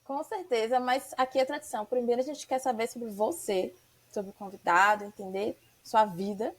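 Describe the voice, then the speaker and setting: A podcast host from Salvador, Bahia, Brazil, she speaks Bahian Portuguese in a fairly high-pitched voice with a steady tone and moderate pace. Her podcast interview is casual and chatty, sprinkled with slang.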